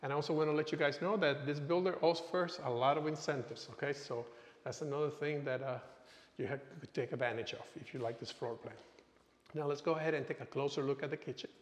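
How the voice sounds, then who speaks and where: A man's voice: fairly high pitch, fairly even intonation, fast talker. A man working as a real estate agent, giving a casual walk-through home tour with informal sales patter, often tagging his phrases with "okay". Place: indoors, walking through an empty new house. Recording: echoey empty-house reverb.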